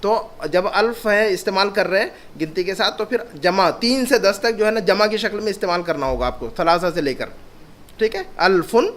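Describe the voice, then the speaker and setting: A man teaching an Arabic grammar lesson, patiently repeating each phrase slowly and asking his students questions. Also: high voice, lively intonation, a bit bright.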